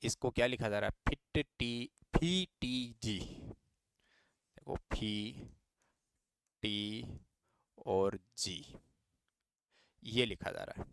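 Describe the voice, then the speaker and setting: A man's voice: mid-range voice, drawn-out words, long pauses, smooth, dry recording, clean studio sound. A man teaching a reasoning lesson for exam students, patient and repeating each step as questions to his students.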